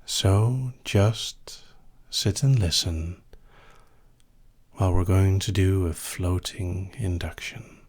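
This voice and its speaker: A man leading a relaxation hypnosis induction in a soft, intimate voice right in your ear, soothing and often dropping to a whisper. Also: low-pitched, steady tone, husky. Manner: slow, soothing, with long pauses. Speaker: hypnosis session host.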